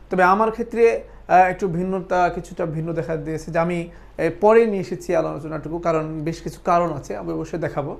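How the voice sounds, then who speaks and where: This darkish, mid-range voice belongs to a Quran recitation teacher leading an online lesson. Patient and methodical, the teacher asks questions, supplies the answers, and goes over points again so they can be drilled.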